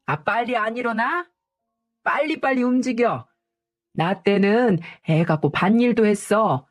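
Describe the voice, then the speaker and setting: A woman's voice: mid-range voice, close to an everyday voice. A woman voicing a cruel, scheming older mother-in-law in a read-aloud story, speaking in a scolding, contemptuous way. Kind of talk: storybook reading.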